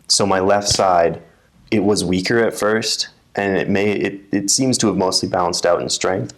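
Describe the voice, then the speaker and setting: A young man from the USA talking casually as an interview guest, often restarting and repeating words. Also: low voice. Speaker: guest, telemark ski racer.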